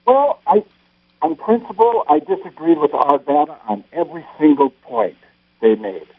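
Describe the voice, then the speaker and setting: A man calls in with a lively, slightly high voice. He argues in stops and restarts, and the thin phone line makes him sound boxed inside a metal tank. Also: moderate pace, slightly rough, no room sound. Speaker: radio show caller. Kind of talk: casual phone-in opinion. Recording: hollow, tinny phone line with hum.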